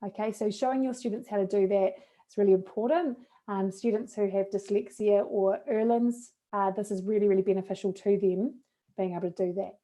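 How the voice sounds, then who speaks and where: A woman's voice: mid-range voice, steady tone, fairly quick, warm tone. A woman with a New Zealand accent, a teacher trainer chatting casually and upbeat through a live webinar demo of classroom tools.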